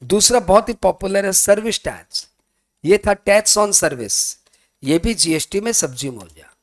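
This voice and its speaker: A fairly high-voiced man gives a tax lecture. He talks in a loose, chatty way, keeps checking whether his students follow, and acts out their questions himself. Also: lively intonation, normal speed. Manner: chatty, mixes Hindi and English, asks students questions. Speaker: tax teacher. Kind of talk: classroom lecture.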